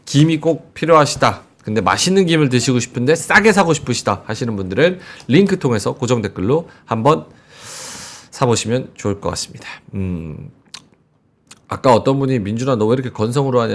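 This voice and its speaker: A male anchor of a live market show, reading a brisk product pitch between chat with his guests.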